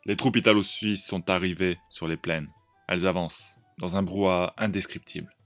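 A man hosting a podcast, narrating an improvised story in a lively way. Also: deep voice, moderate pace, faint music behind.

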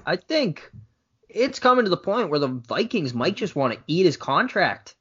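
A man co-hosting a sports podcast, speaking in a laid-back way and pitching trade ideas. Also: big pitch swings, moderate pace, pushed and bright, husky. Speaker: podcast co-host. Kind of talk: casual sports chat. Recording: dull lo-fi podcast audio.

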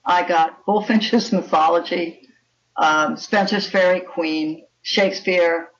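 An older woman with a fairly low, steady voice speaks slowly as an author guest in a conversational interview. She is emphatic and full of firm opinions, though the audio is muffled, as if from a distant microphone.

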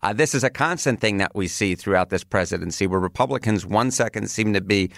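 A man with a New York accent talks quickly as a polling analyst on cable news. He pushes his points with rhetorical questions, and his voice sounds dry and close with no room echo. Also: lowish voice, vocal fry, a bit bright. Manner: rapid, emphatic, rhetorical questions.

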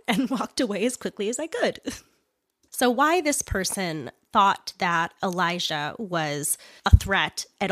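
A woman's voice: on the low side, fairly bright tone, dry recording. Woman doing a solo news podcast, blunt and fired up, cusses, sarcastic, dry close sound. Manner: blunt and indignant, with swearing and sarcastic asides. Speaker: podcast host.

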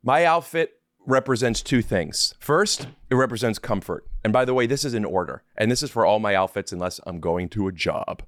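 A man co-hosting a comedy podcast in casual chat, goofy and jumping between bits and silly voices, sounding high. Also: animated, normal speed, hardly any pauses, fairly bright tone. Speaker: podcast co-host.

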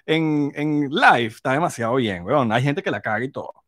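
A young man hosting a casual live chat with friends, excitable and joking. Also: medium pitch, normal speed, no echo, studio quality. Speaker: podcast host. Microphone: desk mic, live stream.

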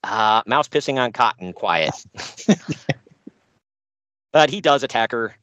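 A man's voice: medium pitch, lively intonation, slow pace, fairly bright tone, no echo. A man co-hosting a podcast, recapping a show with dry sarcasm and frequent laughs. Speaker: podcast co-host. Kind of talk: casual chat.

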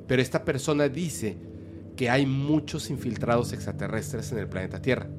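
A man, a podcast guest telling a story in animated conversation, often checking that the listener is following. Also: mid-range voice, moderate pace, noisy background. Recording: music playing under the voice.

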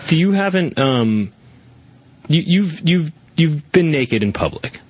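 A man hosting a podcast, asking deadpan, teasing questions. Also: fairly high pitch, slow pace, slightly rough. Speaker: podcast host. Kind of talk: casual podcast interview.

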